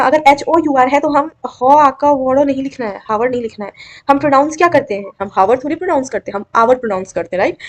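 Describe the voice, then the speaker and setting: A young woman teaching an exam-prep grammar lesson, coaxing and checking often that students follow. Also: sits high. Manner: coaxing, repeatedly checks understanding.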